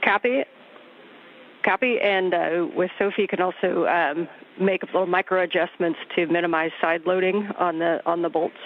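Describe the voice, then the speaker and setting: A woman at mission control reading back instructions crisply over a crackly radio link to a spacewalk. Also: on the low side, steady tone, moderate pace. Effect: crackly ground-to-space radio link. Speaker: ground controller. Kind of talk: clipped mission radio readbacks. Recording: narrow radio channel with faint static.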